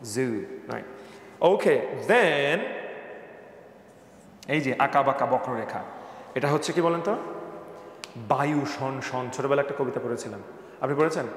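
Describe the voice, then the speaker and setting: A man teaching pronunciation to a live class, his tone playful and full of jokes as he calls on students and asks them questions. His voice sits at an ordinary male pitch and rings around a hard-walled room with a long reverb tail. A faint hiss of background noise stays under him the whole time. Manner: playful, jokey, quizzes students by name. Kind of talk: classroom lesson.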